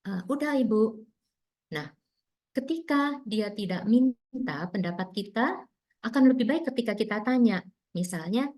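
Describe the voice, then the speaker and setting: A woman speaking to teachers in a webinar, gentle and encouraging, explaining with many examples and acted-out dialogues. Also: fairly high pitch, expressive, moderate pace. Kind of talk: webinar talk.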